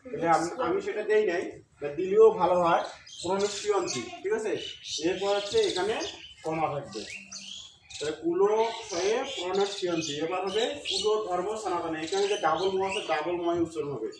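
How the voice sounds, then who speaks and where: Bengali-accented teacher going slow over sanskrit verse, far from the mic, echoey room with loud noise. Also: mid-range voice, expressive. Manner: explains slowly, chants verse syllable by syllable, asks students questions. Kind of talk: Sanskrit pronunciation lesson.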